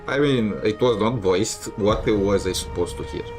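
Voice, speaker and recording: A game streamer with a fairly low-pitched voice gives casual gameplay commentary at a normal speed, now and then reading bits aloud. His manner is dry and sardonic, and game music plays in the background.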